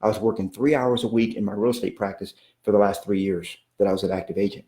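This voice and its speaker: A real estate coach with a lowish, dark voice talks fast and fairly evenly in a roomy-sounding space. His motivational talk is emphatic and repetitive, frequently checking in with "okay?" and mentioning God like a preacher.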